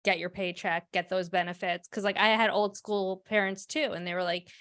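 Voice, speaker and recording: A woman of forty-three co-hosting a podcast, talking in a relaxed, conversational way. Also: mid-range voice, moderate pace. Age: 40s. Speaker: podcast co-host. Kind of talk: casual interview chat.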